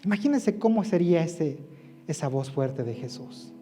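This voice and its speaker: A male pastor preaching emphatically, swinging between loud calls and soft asides. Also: a little high, expressive, moderate pace, faint music behind. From Ecuador. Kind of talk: sermon.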